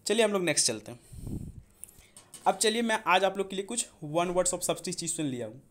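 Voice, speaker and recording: A man's voice: high voice, big pitch swings, normal speed, fairly bright tone. A man teaching a vocabulary lesson for exam prep. He chants each word several times in a row and asks his students questions that he then answers himself.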